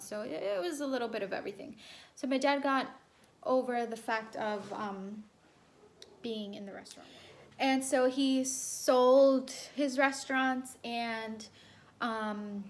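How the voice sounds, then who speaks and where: This young adult Salvadoran vlogger talks to camera about something personal in a voice on the high side. She's chatty and meandering, with frequent ums and repeated phrases, and a little hiss or hum sits under the audio.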